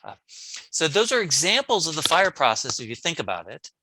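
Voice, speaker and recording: A man, a brain coach on a podcast, talking casually in an interview, telling animated stories with frequent restarts. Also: on the high side, a little fast, background noise. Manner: animated storyteller, many restarts.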